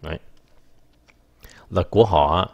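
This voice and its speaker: A man's voice: low-pitched, vocal fry, slightly rough, dull audio. A man teaching an English grammar lesson in a casual way, explaining patiently and often correcting himself. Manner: slow, explains patiently, frequent "ok" and self-corrections.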